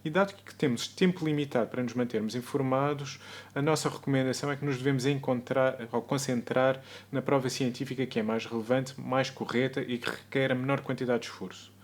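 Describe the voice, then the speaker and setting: Measured European Portuguese male lecturer. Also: medium pitch, fairly even intonation. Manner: measured and explanatory, with occasional self-corrections. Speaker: medical school lecturer. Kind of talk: recorded video lecture.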